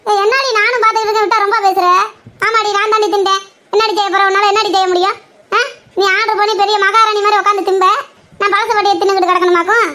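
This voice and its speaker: A young performer putting on a spiteful old mother-in-law, bossy and taunting, with a very high, bright voice. She jeers at her daughter-in-law and turns on a show of wailing when her son scolds her, in a homemade comedy skit. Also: little pitch movement, fast.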